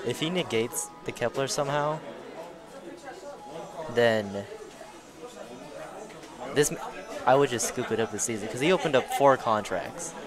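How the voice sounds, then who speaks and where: A laid-back man calls a card game match live, talking at an average pitch. He chats loosely, laughs a lot and swears without thinking. Steady crowd chatter fills the background of the venue. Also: unhurried, long pauses, over music. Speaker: tournament commentator. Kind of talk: casual live commentary. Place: busy card tournament venue.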